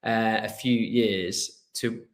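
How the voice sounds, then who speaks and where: A Welsh man in his thirties, a business founder giving an earnest online presentation with a storytelling manner and the odd filler pause. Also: lowish voice, steady tone. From Wales. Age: 30s. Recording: roomy echo.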